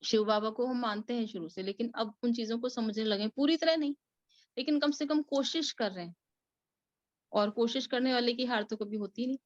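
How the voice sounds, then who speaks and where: A woman's voice: a little high, a little fast, dry recording. A woman who sells supplements gives a motivational talk about her experiences, telling stories in a chatty way and mixing in English words. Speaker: distributor sharing her experiences. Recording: dull, dry recording.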